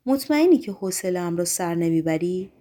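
A woman's voice: lowish voice, lively intonation, warm tone, close to an everyday voice. A woman reading the part of a haughty, cold young woman who answers curtly and with a bite. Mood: cool, haughty. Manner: cold, curt, biting.

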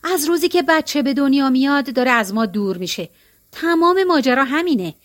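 A woman's voice: high voice, expressive. A woman voicing a blunt, teasing middle-aged woman in a storybook reading, with a matter-of-fact way of talking.

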